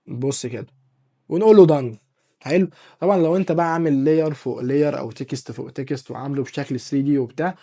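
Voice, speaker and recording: A man with an Egyptian Arabic accent hosting a casual, joking software tutorial and talking straight to the viewer. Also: fairly high pitch. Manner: chatty, joking, addresses viewer as dear artist. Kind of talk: casual screen-recorded tutorial.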